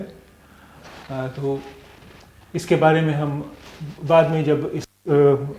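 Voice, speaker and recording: A man teaching a language lesson, patiently repeating sounds and syllables, with many pauses and fillers. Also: a little high, a little mellow. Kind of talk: slow spoken language lesson. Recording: echoey room.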